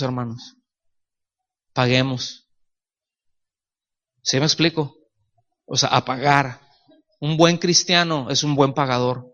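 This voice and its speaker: A man's voice: medium pitch, a bit bright, lo-fi sound. A male pastor with a Mexican Spanish accent, preaching a sermon in a conversational way, often asking the congregation questions and acting out little dialogues, sometimes sarcastic. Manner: sarcastic at times.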